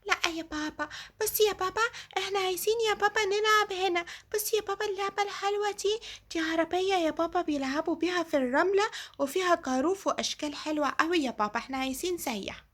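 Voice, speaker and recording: Cartoon kid, Egyptian accent, squeaky very high voice, whiny and pleading. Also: female voice, fast, fairly bright tone. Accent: Egyptian Arabic. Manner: whiny pleading, keeps repeating "daddy". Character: small pleading child asking daddy for toys.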